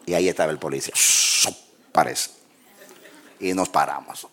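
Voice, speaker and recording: Deep-voiced pastor telling stories. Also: male voice, normal speed, gravelly. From Dominican Republic. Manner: lively storyteller, acts out dialogue and laughs at his own stories. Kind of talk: sermon with personal anecdotes.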